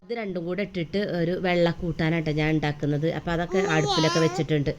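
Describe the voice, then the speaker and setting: A woman's voice: low-pitched, flat delivery, very fast, a crowd in the background. A young woman, chatting homely and casually as she narrates her day as a mother and vlogger. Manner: chatty, homely, with frequent tag words. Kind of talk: casual day-in-my-life voice-over.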